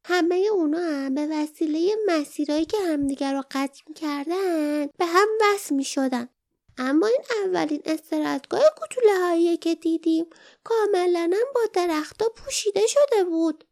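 A woman's voice: very high voice, voice pushed up. A woman doing a timid, pleading young girl. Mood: wondering. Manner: soft, pleading, anxious.

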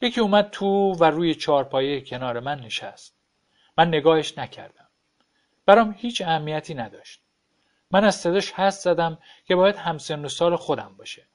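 A man reads a short story as an audiobook. His voice sits fairly high, and his delivery stays calm, flat and detached. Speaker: narrator.

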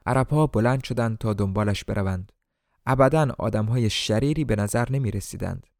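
A man reads a novel aloud in a low, gravelly voice. His narration is formal and measured, and the recording is dry and close, with no room sound. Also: a little mellow, no room sound. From Iran. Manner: colloquial Tehran-style speech in dialogue, formal literary narration. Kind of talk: audiobook narration with acted dialogue.

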